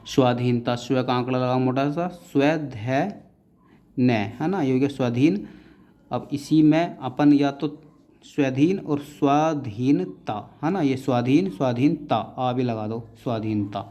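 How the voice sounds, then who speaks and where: Man slowly explaining shorthand outlines. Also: mid-range voice, warm tone. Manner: slow and deliberate, repeating each word as he writes; often adds the tag "है ना" and gives short instructions. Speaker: shorthand teacher. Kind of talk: dictation-style tutorial explaining outlines.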